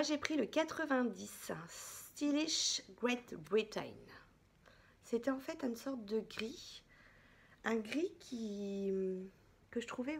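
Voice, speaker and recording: A woman's voice: a little high, slightly rough. A woman beauty vlogger chatting casually through a product haul, chatty and hesitant, with many fillers.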